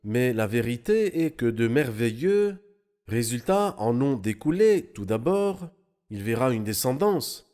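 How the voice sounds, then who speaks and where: A man explaining Bible passages in an animated, teaching manner during a studio discussion. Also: mid-range voice, unhurried.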